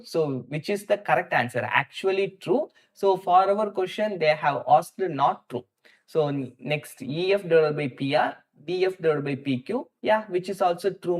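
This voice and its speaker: Indian male maths teacher, thinking out loud. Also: a little high. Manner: thinking out loud while solving, talking directly to students; repeats words for emphasis. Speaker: maths teacher hosting a live online class. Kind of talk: live exam-prep lesson, working through problems step by step.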